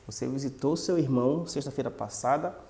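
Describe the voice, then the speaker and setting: A man from Brazil, an English teacher patiently explaining a lesson and slowly repeating example sentences. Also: mid-range voice, creaky, mellow.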